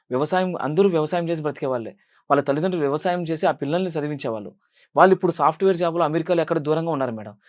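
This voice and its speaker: A young man with a Rayalaseema Telugu accent, a film director and actor answering interview questions earnestly and deferentially. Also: a little high. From Rayalaseema, India. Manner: earnest, rapid, addresses interviewer as madam constantly.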